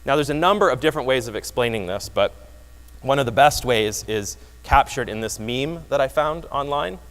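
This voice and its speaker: A man presents research to a conference audience with a lively, wry manner, often restarting his phrases. His voice sits at an ordinary middle pitch. The room carries a long reverb. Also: moderate pace. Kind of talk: conference talk. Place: conference hall.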